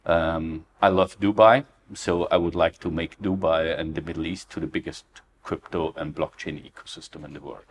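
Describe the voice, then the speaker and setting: A middle-aged Austrian man who founded a crypto ecosystem answers interview questions as a guest, speaking earnestly with an Austrian German accent. He uses frequent fillers and non-native phrasing. His voice is low and steady, at a moderate pace.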